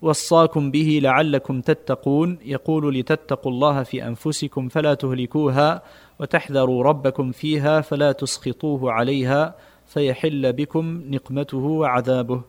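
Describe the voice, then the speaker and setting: A man reading classical religious texts aloud in a study session, with steady, measured recitation. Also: medium pitch.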